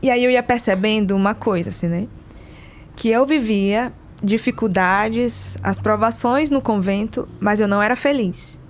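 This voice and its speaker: A woman's voice: medium pitch, moderate pace, slight background noise. A woman, a podcast guest telling a personal story in casual conversation and acting out the dialogue. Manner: animated, acts out dialogue in her stories.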